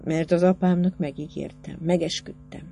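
Woman doing a shy, halting young girl. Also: deep voice, fairly even intonation, creaky, dark tone, soft background music. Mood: stubborn. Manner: hesitant, halting speech.

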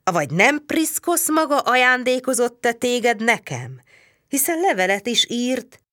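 Woman doing a gruff barbarian man. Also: on the high side, very animated, pushed and bright, no echo, clean studio sound, voice pushed up. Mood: blustering. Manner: growling, blustering. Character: gruff hot-tempered barbarian man, middle-aged.

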